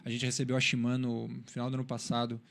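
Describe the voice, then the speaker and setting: A man from São Paulo, an interview guest telling animated stories and acting out what others said. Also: mid-range voice, fast, gravelly. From Brazil, São Paulo. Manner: animated storyteller, acts out quotes. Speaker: interview guest, cycling content creator. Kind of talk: casual interview chat.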